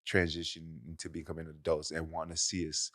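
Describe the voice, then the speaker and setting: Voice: rumbling low, monotone, a little fast, fairly bright tone, no room sound, clean studio sound. A podcast host leading a casual interview, chatty and teasing with eager interjections.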